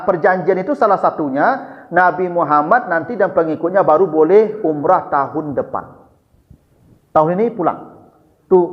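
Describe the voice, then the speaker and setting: Chatty preacher. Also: male voice, a little high. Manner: lively, chatty, addresses audience often. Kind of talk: storytelling religious lecture. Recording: reverberant hall, dull sound.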